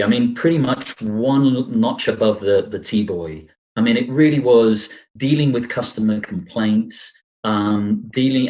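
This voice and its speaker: A man's voice: lowish voice, rough recording. Brazilian-born man, self-deprecating and rambling. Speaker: podcast guest, financial planner. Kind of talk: conversational interview.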